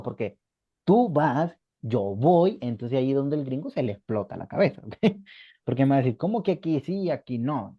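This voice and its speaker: A man's voice: medium pitch, no room sound, dull audio. A man teaching a beginner English class online in Spanish, patiently repeating examples and checking in with the students.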